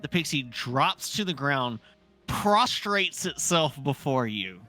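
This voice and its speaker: A game master improvising tabletop game narration, halting mid-sentence while describing. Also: medium pitch, sing-song, bright, forceful tone, soft background music.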